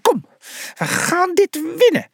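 A storyteller voicing a tiny, excitable male mouse who bosses and cheers on his team. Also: slow pace, dry recording, clean studio sound, full character voice. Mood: rallying. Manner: squeaky, bossy cheering.

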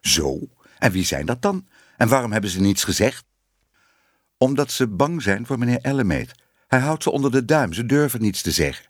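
A man's voice: medium pitch, sing-song, normal speed, dry recording, clean studio sound, pitched above the performer's own voice. A man reading a storybook and voicing a nervous, stammering male newspaper editor. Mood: stern.

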